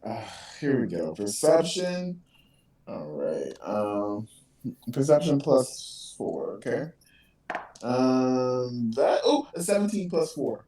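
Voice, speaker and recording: A man's voice: mid-range voice, very animated, slow, warm tone. A man playing a tabletop game, joking and suspicious in his banter. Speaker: player. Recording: roomy, distant mic.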